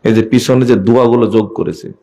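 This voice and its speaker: A man preaching a sermon, scolding with rhetorical questions and sudden rises in pitch and volume for emphasis. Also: steady tone, fast, warm tone. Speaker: Islamic preacher.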